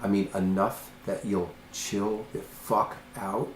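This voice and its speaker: A man's voice: fairly low pitch, flat delivery, takes it slowly. An earnest, emphatic man coaches a client in an easy conversational way, now and then acting out the voices he quotes. The room sounds roomy, with faint ambient noise in the background. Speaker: host, life coach.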